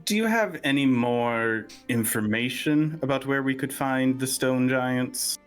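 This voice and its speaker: A man speaks as a player in casual tabletop role-play. He is very slow and deliberate, pausing as he thinks, in a medium-pitched voice with faint music behind. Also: smooth. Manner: deliberate, hesitant.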